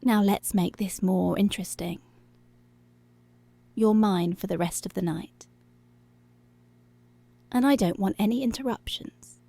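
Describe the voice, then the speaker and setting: A dark, husky, mid-range voice belongs to an ASMR voice actor portraying a controlling policewoman, speaking very slowly and often slipping into a breathy whisper. Her deliberate, seductive commands feel possessive, and the close, intimate recording has no echo.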